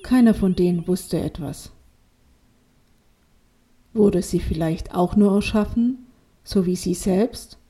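A woman narrating a children's story in a calm, unhurried reading. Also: medium pitch.

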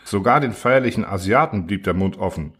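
Husky low-voiced male narrator. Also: lively intonation, brisk, a bit bright. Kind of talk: audiobook narration of a literary story.

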